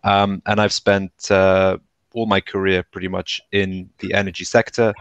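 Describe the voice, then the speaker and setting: Deep gravelly British man on a headset. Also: flat delivery, no echo, lo-fi sound. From London, UK. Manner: measured, many filler uhs. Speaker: guest, energy advisor. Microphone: headset on video call.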